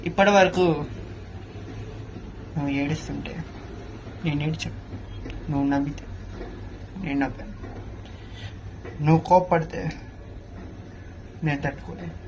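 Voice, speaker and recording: A man with a fairly high voice speaks tender romantic lines softly and slowly in a comedy sketch. His voice sits low in level on a dull, muffled recording with faint ambience behind it. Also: fairly even intonation, background noise. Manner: hushed, tender, drawn-out delivery. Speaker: actor rehearsing a romantic scene. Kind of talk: soft romantic line delivery in a comedy sketch.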